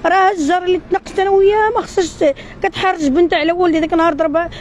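A woman with a Moroccan accent giving a street interview, talking in an agitated rush full of halting restarts. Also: extremely high pitch, steady tone, a little mellow, slight background noise. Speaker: interviewee, tissue seller. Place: outdoors on a city street.

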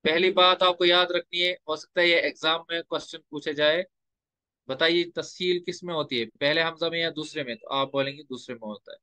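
A man teaching Quran recitation rules in a lecture, explaining step by step and slowing down to recite example verses. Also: fairly high pitch, fairly even intonation, bright, forceful tone, smooth, no echo.

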